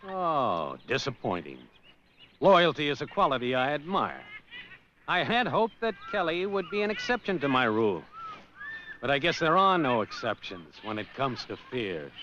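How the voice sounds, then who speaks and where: A ruthless general with a coldly measured manner, his pitch swooping widely from low growls to sharper peaks. The line comes through a dull, lo-fi old TV soundtrack with faint noise behind it. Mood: contemptuous. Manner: calm, menacing, measured. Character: cold ruthless male general, older man.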